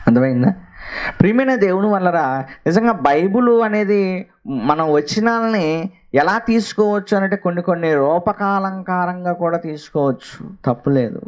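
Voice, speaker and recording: A man preaching a Bible lesson in a slightly high voice, who keeps asking his listeners questions and then answers them himself. The recording sounds dull and lo-fi. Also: animated, moderate pace. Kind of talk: Bible teaching sermon.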